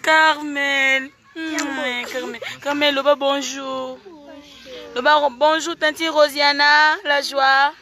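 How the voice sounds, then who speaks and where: A woman, hosting a live video from an orphanage, chattily greeting viewers one by one with lively exclamations. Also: high-pitched, takes it slowly. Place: orphanage, among children. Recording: loud crowd chatter behind.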